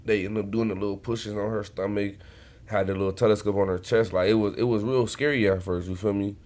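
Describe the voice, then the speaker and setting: A man's voice: lowish voice, steady tone, a little fast, a little mellow. A man with the hiccups, earnestly telling a personal story in casual podcast chat. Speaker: podcast host.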